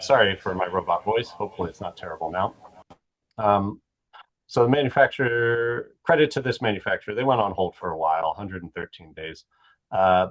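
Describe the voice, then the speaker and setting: Male presenter, low register, loose delivery with restarts, video-call audio. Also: a bit bright, rough recording. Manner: informal, many fillers and restarts. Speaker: regulatory reviewer presenting at a training. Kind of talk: online presentation. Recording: garbled robotic call audio.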